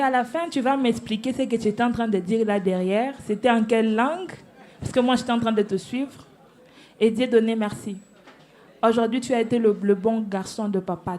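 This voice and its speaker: A woman's voice: a little high, a little mellow. A woman giving live feedback to singers as a competition judge, encouraging each act and blessing them.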